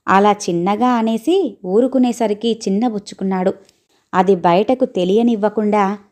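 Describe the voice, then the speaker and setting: A woman storyteller reading an audio story aloud in a steady, expressive way. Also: medium pitch.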